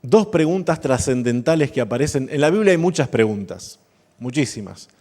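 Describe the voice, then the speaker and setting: A man's voice: medium pitch, expressive, normal speed, a little mellow. A man preaching a sermon at an evangelical church service, emphatic and building to impassioned exhortation. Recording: long church reverb, faint instrument music.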